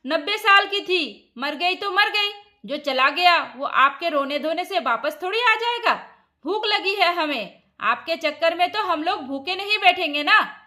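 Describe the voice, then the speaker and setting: A woman's voice: extremely high pitch, animated, a little slow, sharp tone, heavily acted. A woman voicing a grieving young daughter-in-law who speaks reproachfully to her mother-in-law. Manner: pointed, reproachful.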